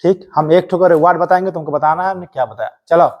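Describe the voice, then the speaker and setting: Man quizzing a class, higher voice. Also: lo-fi sound. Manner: quizzing students with rapid call-and-response; strict, jokingly threatens students. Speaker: Hindi teacher at a coaching class. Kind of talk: live classroom lesson. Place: coaching classroom.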